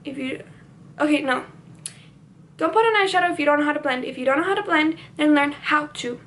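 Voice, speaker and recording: This US teen speaks briskly in a high, somewhat bright voice. She's a beauty vlogger whose first language was Spanish, running a casual Q&A on her vlog with frequent "like" and false starts.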